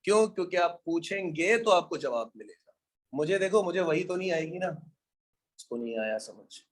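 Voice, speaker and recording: Man, economics lecturer, fairly high voice, husky, teasing and informal with students. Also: animated, moderate pace. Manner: informal, teasing students, calls them bhai and beta. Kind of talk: classroom lecture.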